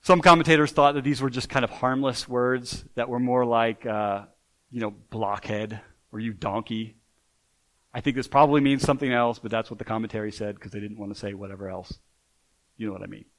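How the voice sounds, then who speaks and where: A man's voice: mid-range voice, fairly even intonation, fast talker, poor audio. A man preaching a sermon in a conversational way, often restarting sentences and checking in with "right?". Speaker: pastor.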